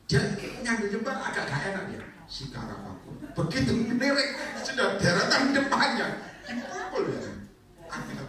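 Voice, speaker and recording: A male evangelist, preaching an animated sermon that swings into loud shouted peaks and acted-out scenes. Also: high-pitched. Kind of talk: lively church sermon. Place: large church hall. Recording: echoey hall, distant mic.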